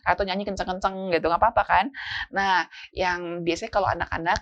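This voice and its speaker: Middle-aged woman, low gravelly voice, lively psychologist guest on a talk show. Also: brisk, muffled recording. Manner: animated, acts out parent and child voices. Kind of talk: casual talk show advice.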